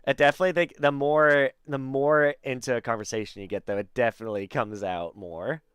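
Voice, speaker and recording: A man's voice: medium pitch, steady tone, brisk, a bit bright, clear, resonant tone, dry recording, highs cut off. A young man hosting a casual talk show over a call, laid-back and chatty with lots of fillers. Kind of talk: casual chat.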